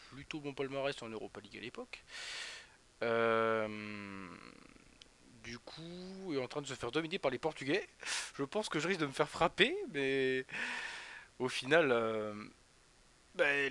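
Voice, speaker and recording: A man's voice: medium pitch, vocal fry, a bit bright, slight background noise. A man casually commentating a football match on a live stream, hesitant, with many fillers and restarts.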